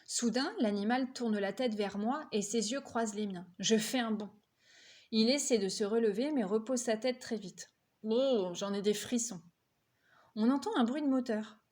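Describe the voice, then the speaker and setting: A woman reading a children's novel aloud, lifting her voice for the characters' lines. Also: moderate pace. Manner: lively, voices characters' quotes higher. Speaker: reader.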